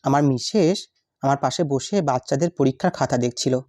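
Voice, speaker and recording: Low, mellow woman reciting a story. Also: fairly quick, dry recording, clean studio sound. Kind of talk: recited first-person story.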